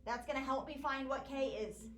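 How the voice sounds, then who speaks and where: High-voiced woman teaching a math class. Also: moderate pace, a little hiss or hum. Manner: hushing a chatty class, walks through problems step by step. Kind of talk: classroom lecture. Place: classroom with noisy students. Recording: echoey classroom recording.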